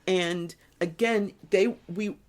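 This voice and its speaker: A woman's voice: fairly low pitch, fairly even intonation, slow pace. A woman in her sixties, co-hosting a podcast in casual chat, telling reflective stories in a chatty way. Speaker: podcast co-host.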